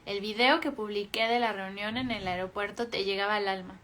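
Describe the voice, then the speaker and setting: Calm woman reading a book aloud. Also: medium pitch, slight background noise. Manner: calm, measured reading with small self-corrections. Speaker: book club reader.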